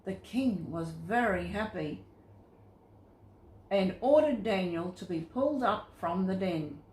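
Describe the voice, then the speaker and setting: A woman tells Bible stories to small children in a mid-range voice, speaking slowly and keeping things simple and expressive. The room gives her voice a noticeable echo.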